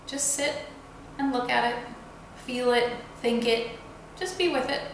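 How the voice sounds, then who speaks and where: Woman, meditation guide, slow soothing instructions, gravelly voice, very echoey room. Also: fairly high pitch, slight background noise. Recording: very echoey room, faint ambience.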